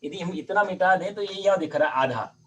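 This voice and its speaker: Teaching Sanskrit pronunciation over a video call, a man with a high, breathy-edged voice works patiently. He explains the sounds by drawing each one out slowly.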